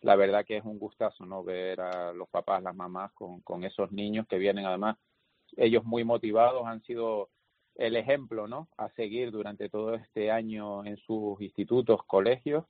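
A man interviewed as a health official, explaining in a lively, anecdotal way. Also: lowish voice, moderate pace, no room sound. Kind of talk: phone interview. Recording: dry, tinny phone line.

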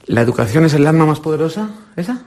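During an indoor visit with a children's group, a middle-aged man who presents radio and has a Spain Spanish accent leads an encouraging quiz made of quick questions. His voice is fairly high, animated, and mellow.

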